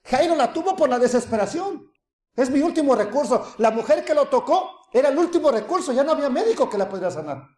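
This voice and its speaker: A man preaching a sermon, dramatic and animated, swinging between loud calls and hushed asides. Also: very high voice, fast talker, few pauses, reverberant.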